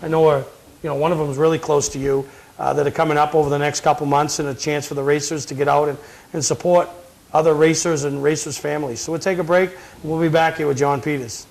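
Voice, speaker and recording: A quick, brisk male host with a somewhat high voice, running a casual interview. He talks in an upbeat, chatty way and keeps nudging his guest. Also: fairly even intonation, gravelly, low-quality recording. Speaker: talk show host.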